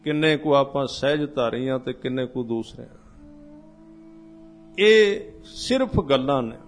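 A man preaching a scripture sermon to a congregation, explaining hymn lines one by one and chanting the verses slowly. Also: mid-range voice, soft background music. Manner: addresses a congregation directly. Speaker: Sikh preacher.

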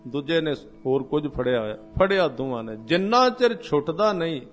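A man preaching a scripture sermon to a congregation, explaining hymn lines one by one and chanting the verses slowly. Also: on the high side, big pitch swings, faint music behind. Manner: addresses a congregation directly. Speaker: Sikh preacher.

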